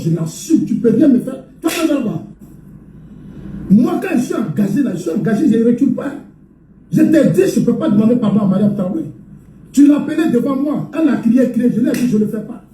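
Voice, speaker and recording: A man in a recorded video, angrily accusing someone, shouting and scornful. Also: extremely high pitch. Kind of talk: angry recorded video statement. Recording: echoey, far from mic, faint noise.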